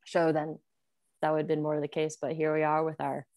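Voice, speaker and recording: A woman's voice: sits low, monotone, a little fast, a little mellow, no echo, studio quality. A young woman, a podcast guest, chatting casually with many hesitations and laughs. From United States.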